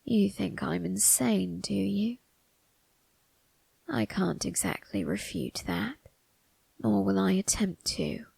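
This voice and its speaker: In an ASMR roleplay, a woman voices an eerie undead male undertaker, calmly menacing and obsessive, with an intent, coaxing mood. She uses a breathy, creaky whisper and ominous, deliberate phrasing in a mid-range voice, heavily acted and recorded dry.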